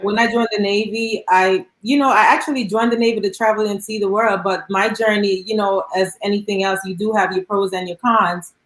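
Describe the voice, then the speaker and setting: A woman in her forties from Jamaica, giving polite, measured interview answers. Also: mid-range voice, steady tone, fairly bright tone, echoey room, rough recording. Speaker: guest.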